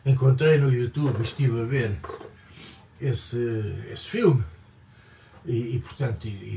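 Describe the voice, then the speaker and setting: A man's voice: medium pitch, mellow, slight background noise. An older man from Portugal with a European Portuguese accent, talking in a rambling, digressive monologue full of emphatic repetitions. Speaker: vlogger. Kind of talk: casual opinion monologue. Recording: roomy, distant mic, faint ambience.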